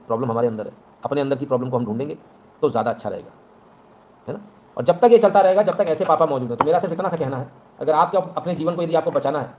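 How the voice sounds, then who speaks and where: A man's voice: medium pitch, lo-fi sound, background noise. A man with a Hindi accent giving blunt advice in a lecturing monologue, often asking "right?". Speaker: online news commentator.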